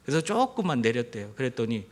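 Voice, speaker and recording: A man's voice: mid-range voice, quick pace. A male pastor giving a sermon in church, telling stories with animation and throwing questions at the congregation. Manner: engages the congregation with rhetorical questions; animated storyteller. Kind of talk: sermon with humorous anecdotes.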